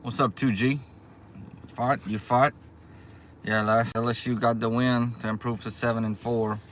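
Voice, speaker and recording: A man hosting a casual livestream from inside a car, rambling through unhurried small talk with viewers. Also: mid-range voice, little pitch movement, fairly bright tone. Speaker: livestream host, small YouTube channel. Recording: clear background noise, car ambience.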